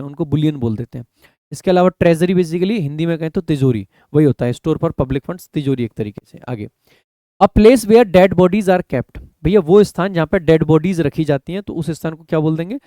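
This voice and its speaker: A man teaching an exam vocabulary lesson in a slightly raised, mellow voice. He reads English definitions slowly, then explains them chattily, calling viewers "brother" and letting his voice fall at the end of points. The sound is close and dry. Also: dry recording. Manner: drops pitch and volume at the ends of phrases; addresses viewers as "mere bhai". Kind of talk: Hindi-English online lesson.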